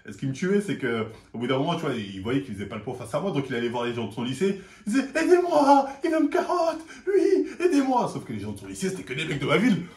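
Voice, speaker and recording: A young man from the telling a story casually, with slang and an animated, acting-out delivery. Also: mid-range voice, rapid-fire, few pauses. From France, Paris suburbs. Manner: animated, slangy, acts out quoted lines. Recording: roomy echo.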